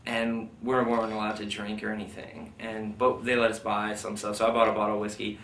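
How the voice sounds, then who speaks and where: Guy vet remembering his army days, creaky voice, rambly and informal, kinda echoey room. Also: fairly low pitch, completely flat delivery, fairly quick, a bit bright. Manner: rambling, informal, heavy use of "like" and "you know". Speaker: military veteran being interviewed. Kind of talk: casual recollection of military service. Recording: roomy, distant mic, faint noise.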